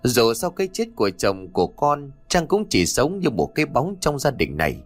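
A man narrating a scripted ghost story with dramatic, expressive delivery. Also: medium pitch, normal speed, faint music behind.

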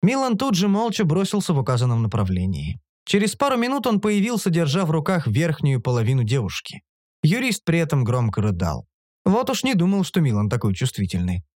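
A man narrating first-person fiction in an expressive, dramatic reading. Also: on the high side, a little fast, dry recording, clean studio sound. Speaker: audiobook narrator.

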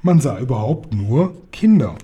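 Man, storybook reader, calm measured narration, warm tone, animated pitch. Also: husky, muffled recording. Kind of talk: storybook reading aloud.

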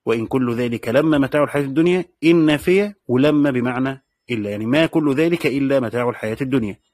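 A man's voice: mid-range voice, darkish tone, no room sound. Egyptian man teaching, dry close voice. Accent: Egyptian Arabic. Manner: repeats key phrases while explaining; reads quoted passages slowly. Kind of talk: classroom commentary on a classical text.

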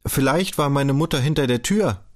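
A naive, childlike young man from an audiobook reading, his questions tumbling out in an urgent, pleading way, as a male narrator puts him on. The voice sits well above the reader's own pitch. He sounds wide-eyed and insistent. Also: animated, unhurried. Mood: urgent questioning.

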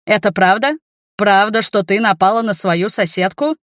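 A woman voicing a stern, easily flustered middle-aged man who heads a magic academy, talking slowly and in measured phrases. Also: mid-range voice, no echo, studio quality, natural voice.

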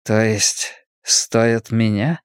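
A man voicing a cold, calculating young male gang leader who speaks slowly and with quiet menace. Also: fairly low pitch, clear, resonant tone, no room sound, studio quality. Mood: coolly menacing. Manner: slow, measured, quietly menacing.

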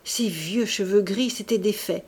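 Woman reading a classic novel out loud, slow and measured, mid pitch, a bit of music behind. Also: breathy edge. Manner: measured, expressive storytelling. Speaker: audiobook reader. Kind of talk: scripted narration of a classic novel.

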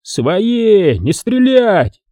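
A man voicing a brash young soldier who shouts quips under fire, in a husky dark voice. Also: high voice, big pitch swings, normal speed, no echo, clean studio sound, voice pushed up, heavily acted. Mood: shouting.

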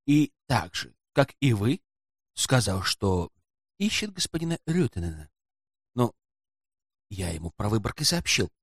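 Man playing a sly greedy hotel porter, folksy and servile, lively voice, dry close audio. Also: on the low side, a little slow, long pauses, husky, no room sound, pitched below the performer's own voice, heavily acted. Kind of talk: audiobook character voice.

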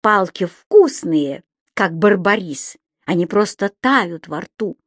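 A woman's voice: lowish voice, lively intonation, slow, no room sound, clean studio sound. A woman voicing a cheeky, playful young male magical creature who teases with naive cheer in a storybook reading.

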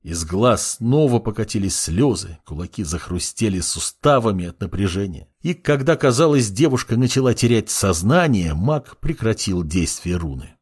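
A man narrating a dark fantasy audiobook in a dramatic, expressive storytelling manner. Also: on the low side, normal speed, few pauses, slightly rough. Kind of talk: scripted narration.

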